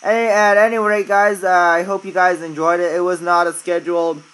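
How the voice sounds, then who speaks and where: A man's voice: sits high, level tone, brisk, fairly bright tone, poor audio. Man doing casual gameplay commentary. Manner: informal, chatty, addresses viewers directly. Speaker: video host, flight simulator player.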